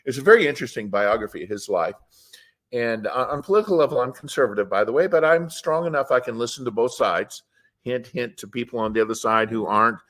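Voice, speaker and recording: A man's voice: mid-range voice, lively intonation, fast talker, a bit bright. Rambling, opinionated man telling stories. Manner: rambling, digressive storytelling; plainspoken, opinionated. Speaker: interview guest. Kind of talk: casual conversational interview.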